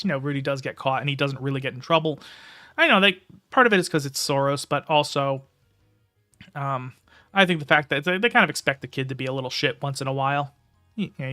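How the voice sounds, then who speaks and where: A man's voice: on the high side, pushed and bright. A man streaming live, reading a novel aloud and commenting casually in a rambling way with filler words.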